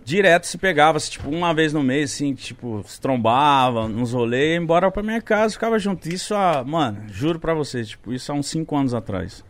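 A young man telling a story on a podcast in slangy, animated casual chat. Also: fairly high pitch, brisk, hardly any pauses. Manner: slangy, animated, laughs while telling stories. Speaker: podcast host. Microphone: studio microphone.

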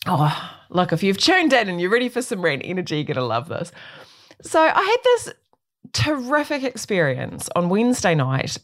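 A woman's voice: fairly low pitch, sing-song, fairly quick. A middle-aged New Zealand woman hosting a talk show solo, ranting in an emphatic, wry, conversational way. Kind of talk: opinionated solo rant, conversational.

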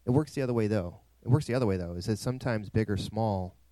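A man's voice: lowish voice, fast talker, dark tone, no room sound. A male pastor preaching a sermon in a dry, close recording, with emphatic rising swells.

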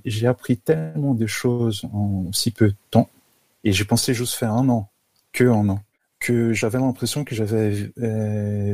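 A man from Brazil with a Brazilian accent, speaking French as a guest in a casual interview, halting with many restarts. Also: lowish voice, mellow, no room sound. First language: Portuguese. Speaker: guest, amateur photographer.

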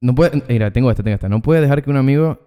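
A man, co-hosting a casual podcast with rapid, slangy banter. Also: medium pitch, dark tone, clean tone. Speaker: podcast co-host. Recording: hall reverb.

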